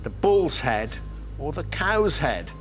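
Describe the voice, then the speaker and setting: A man's voice: a little high, big pitch swings, takes it slowly, a bit bright, faint music behind. Upbeat male quiz show host. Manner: upbeat, theatrical announcing. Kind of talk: studio game-show presenting.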